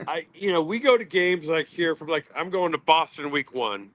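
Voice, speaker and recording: A man's voice: a little high, normal speed, no room sound. A man guesting on a casual sports podcast, talking loosely and swearing freely. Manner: loose and profane, excitable.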